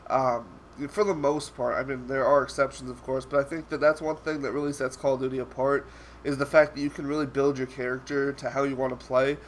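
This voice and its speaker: A man's voice: medium pitch, level tone, a little fast, a little hiss or hum. A young man with a stuffy voice from a cold, talking casually over gameplay and rambling with many fillers and restarts. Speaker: gaming YouTuber.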